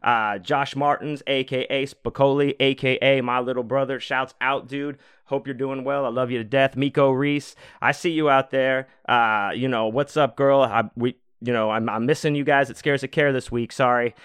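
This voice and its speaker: Guy rambling through his podcast intro, smooth resonant voice, dry close sound, lots of ums and cussing. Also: medium pitch, steady tone, moderate pace, few pauses, fairly bright tone, no room sound. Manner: rambling, loose, with many fillers and profanity. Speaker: podcast host. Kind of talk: casual solo podcast monologue. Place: home room.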